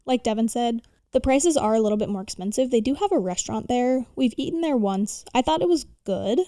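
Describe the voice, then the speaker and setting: American woman cohosting a podcast, chatty informal recs w lots of likes, soft mellow tone, dry sound. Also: on the high side, animated, a little fast, no echo. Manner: informal, peppered with "like". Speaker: podcast co-host. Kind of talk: casual travel recommendation podcast talk.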